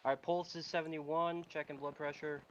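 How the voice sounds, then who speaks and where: A man's voice: a little high, level tone, normal speed, muffled recording, noisy background. A man chatting informally as a squad leader in a tactical military game, often repeating his words.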